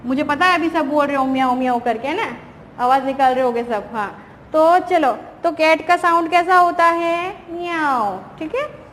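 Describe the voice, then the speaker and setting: Woman teacher, high voice, patient, asks and answers herself, long room reverb, faint hiss. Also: fairly bright tone. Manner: patient, asks and answers her own questions; reads English lines slowly, explains in Hindi. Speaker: primary school teacher. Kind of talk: recorded online class lesson.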